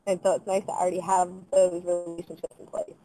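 A woman in her thirties, a small business owner, answering on a panel over a video call from outdoors in a measured, thoughtful way with frequent ums and uhs. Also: fairly low pitch, level tone, over music, poor audio. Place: outdoors in front of trees. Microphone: webcam on a video call.

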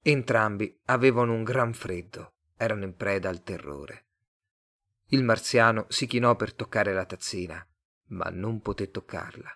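An Italian man with a lowish voice reads a short story aloud as an audiobook narrator. His scripted literary narration is measured and expressive.

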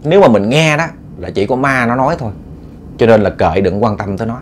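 A man voicing a frightened jungle hunter who talks in a low, hushed, stammering voice. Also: brisk, slight background noise, close to an everyday voice. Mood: hushed uneasy. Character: frightened middle-aged male jungle hunter, whispering.

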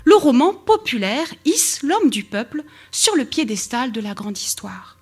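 A woman with a French accent giving a public lecture on literature, expressive and emphatic. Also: sits high, unhurried, husky.

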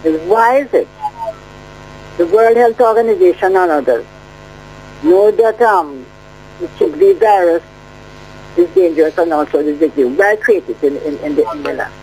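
Female caller, muffled underwater-sounding phone line, faint hum; halting, repeats words, pushes questions. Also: on the low side, animated, darkish tone. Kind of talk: call-in radio question.

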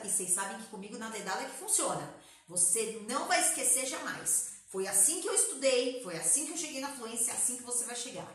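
A woman from Brazil teaches English in a lively, emphatic way, stretching out her example sentences slowly. Her voice is high and bright. She sounds distant from the mic, in a very echoey room. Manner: lively, emphatic, switches between Portuguese and slow English examples. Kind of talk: casual video lesson.

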